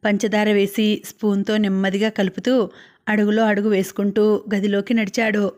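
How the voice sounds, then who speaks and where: A woman narrates a novel for an audiobook at a steady storytelling pace. Her pitch sits in the middle and stays flat, with very little melody. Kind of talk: novel reading.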